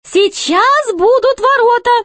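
A woman doing a shrill panicky jester. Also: takes it slowly, a bit bright, dry recording, heavily acted. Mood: urgent. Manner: high, panicky cries. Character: jester, excitable man.

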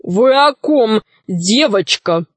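A woman's voice: sits high, animated, measured pace, no echo. A woman voicing a sly male robber chief in an audiobook, drawling and mock-polite.

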